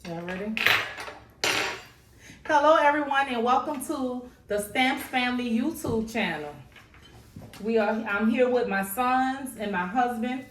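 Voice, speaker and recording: A woman hosting a casual family mukbang at home, relaxed and chatty as she prompts her sons and husband. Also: a little high, far from the mic. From New Orleans. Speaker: host, mother. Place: home dining table. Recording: echoey room, from off mic, faint noise.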